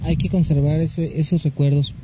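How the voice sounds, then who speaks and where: A man with a Mexican Spanish accent interviewing grieving relatives, offering gentle advice. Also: fairly high pitch, fairly even intonation, moderate pace, lo-fi sound, noisy background. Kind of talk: consoling reporter interview.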